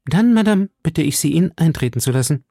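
A man's voice: on the high side, animated, a little fast, creaky, warm tone, no echo, studio quality, voice pushed up. A man voicing a cold, cunning noblewoman. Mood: guarded. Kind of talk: audiobook reading.

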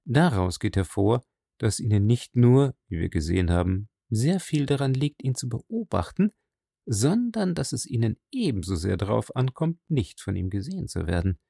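Man playing a shrewd detective, measured, thoughtful, lively intonation, gravelly. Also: mid-range voice, dry recording, studio quality. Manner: measured, thoughtful, quietly probing. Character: shrewd calm male detective.

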